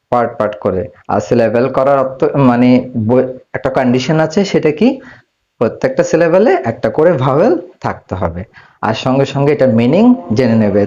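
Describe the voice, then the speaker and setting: A male English teacher works through a grammar exercise at a middle pitch. He poses questions and answers them himself, and draws out the English words slowly. The audio is slightly dull and lo-fi. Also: a little mellow. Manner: slows down to spell out English words. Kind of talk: grammar lesson.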